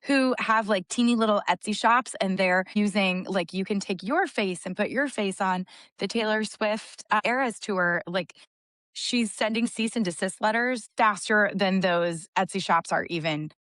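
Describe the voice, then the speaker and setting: A woman telling a story in a casual podcast chat, fired up and rushing through long run-on sentences. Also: mid-range voice, fairly bright tone, dry recording, studio quality. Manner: impassioned, rapid run-on storytelling.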